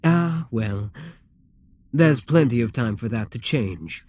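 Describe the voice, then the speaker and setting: Slowly and with softly coaxing warmth, a man voices a proud demon king in an ASMR roleplay. His medium male pitch moves through wide, lively swings, and his delivery is courtly, theatrical, imperious and seductive.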